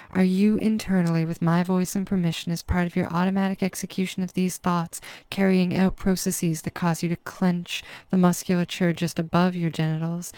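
A woman speaking as a hypnotist, giving a slow, soft, repetitive trance induction. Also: on the low side, smooth, no room sound. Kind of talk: scripted erotic hypnosis narration.

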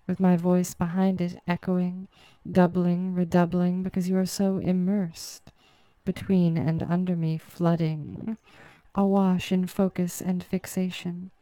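A woman narrating a slow, guided hypnotic audio in a soft, sultry, commanding manner, close to the mic. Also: lowish voice, smooth, no echo, rough recording.

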